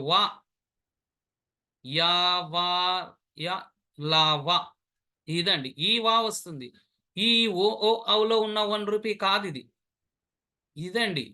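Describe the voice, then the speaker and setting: A man's voice: high voice, bright, forceful tone. A man, teaching an English grammar lesson, explaining step by step and repeating sounds.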